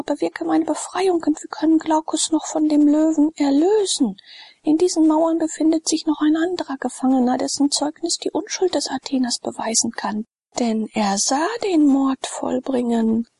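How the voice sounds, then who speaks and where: A woman's voice: sits high, fairly even intonation, normal speed, mellow, no room sound, voice pushed up. A woman reading out a desperate letter from a blind young slave girl, pleading urgently for rescue.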